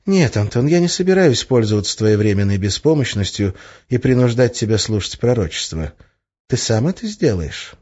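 A man's voice: mid-range voice, big pitch swings, normal speed, darkish tone, voice pushed up. A man voicing a playful, sly young witch woman in an audiobook, teasing and coaxing in a lilting tone. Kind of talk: audiobook character voice. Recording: slightly muffled lo-fi recording.

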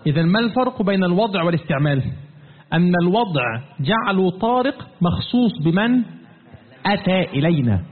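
A man teaching a Quran commentary class, lively, asking his students questions and answering them himself, and chanting verses slowly. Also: high-pitched. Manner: recites verses in a slow chant. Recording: tinny phone-like line with long reverb.

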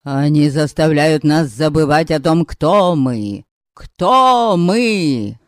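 A man voicing a pompous male orator who declaims slowly and grandly in a storybook reading. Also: fairly high pitch, lively intonation, no room sound, studio quality. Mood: thundering. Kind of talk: audiobook character voice.

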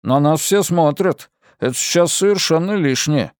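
A man's voice: a little high, normal speed, clear, resonant tone, no echo, clean studio sound, pitched above the performer's own voice, lightly acted. A man voicing a good-natured police chief in an audiobook who avoids conflict and talks in a soothing way.

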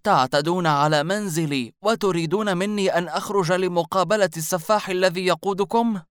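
A man voicing a mysterious old woman hermit, slow and scornful, in a storybook reading. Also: deep voice, animated, darkish tone, dry recording, studio quality, voice pushed up. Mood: defiant. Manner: slow, mocking, ominous delivery.

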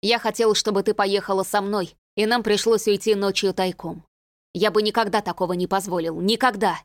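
A woman's voice: mid-range voice, fairly even intonation, fairly quick, no room sound, studio quality, lightly acted. A woman reading the part of a commanding young king in an audiobook. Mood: remorseful. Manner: sharp, commanding.

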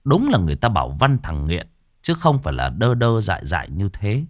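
A man's voice: on the low side, wildly swooping pitch, fairly quick, no echo, clean studio sound. A man telling a ghost story, dramatic and vivid with earthy humor.

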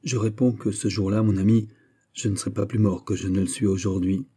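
A man's voice: fairly low pitch, fairly even intonation, a little fast, mellow, breathy edge. A man voicing a lovesick young nobleman who speaks in a sighing, resigned way. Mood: despairing.

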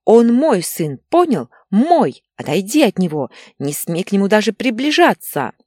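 A woman's voice: low voice, very animated, fairly quick, darkish tone, breathy edge, no room sound, studio quality, full character voice. A woman voicing a desperate young mother who screams shrilly and tearfully. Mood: hysterical.

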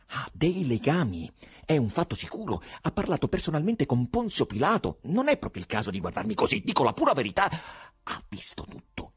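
A man voicing a frantic, shrill young poet. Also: slightly rough, dry recording, clean studio sound, heavily acted. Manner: shrill, frantic, stammering outbursts.

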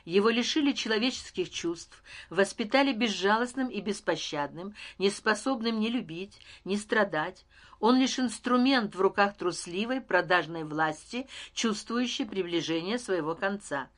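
A woman reading an audiobook, voicing a female ruler who speaks to a crowd in a soft, intimate, measured way. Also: mid-range voice, close to an everyday voice. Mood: solemn. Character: female ruler addressing crowd, calm, persuasive.

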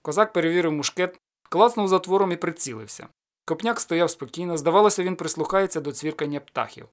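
Man narrating a folk tale, fairly high voice. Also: fast. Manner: steady storytelling, lowers voice after quotes. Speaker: audiobook narrator. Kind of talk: scripted narration of a folk adventure.

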